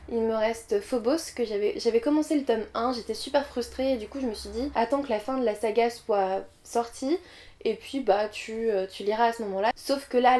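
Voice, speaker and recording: A woman's voice: a little high, mellow. A young woman vlogging about her reading goals, chatty and candid, with frequent fillers. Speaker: book vlogger. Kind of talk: casual vlog talk to camera.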